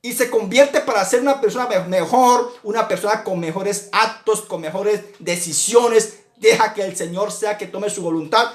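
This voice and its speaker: A man's voice: high voice, normal speed, few pauses, roomy sound. A man from Colombia teaching an online church Bible lesson, earnest and repetitive, with many restarts.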